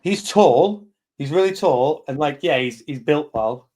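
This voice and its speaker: An Englishman in his thirties, running a live community chat as the head of a company, speaks in a slightly high, expressive voice that's unhurried and a bit mellow. It's a casual chat, and he's blunt and rambling, full of fillers and swearing.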